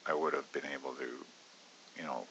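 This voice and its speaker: A very low-pitched man talks through a trade in a loose, chatty way, full of ums and uhs. His voice has a bright, forceful edge. The recording is dull and lo-fi, with a faint hiss. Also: fairly even intonation, a little fast, gravelly. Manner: casual, chatty, many fillers, bursts into high-pitched alarm retelling panic. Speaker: options trading educator. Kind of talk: screen-recorded trading walkthrough.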